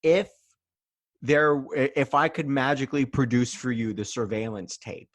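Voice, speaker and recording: A man's voice: mid-range voice, normal speed, dry recording. A man hosting an interview podcast who works as a TV news reporter, asking conversational questions with some restarts.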